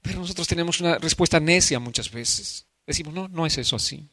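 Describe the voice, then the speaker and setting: A male pastor preaches in with a bright, forceful voice that sits a little high for a man. He swings between quiet, intimate passages and loud, fervent pleading. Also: fast, no room sound. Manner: impassioned, shifting from soft to loud. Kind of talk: sermon.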